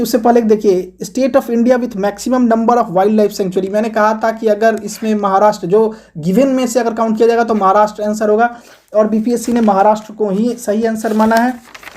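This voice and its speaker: Man, exam coaching teacher, mellow tone, conversational, steady point-by-point explanation. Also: high-pitched. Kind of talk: explanatory video lesson.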